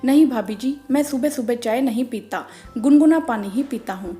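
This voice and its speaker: Brief: a woman doing a courteous brother-in-law in a storybook reading, mellow tone. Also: on the high side, moderate pace, faint music behind, natural voice. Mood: polite. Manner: polite, courteous. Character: polite brother-in-law, calm adult man.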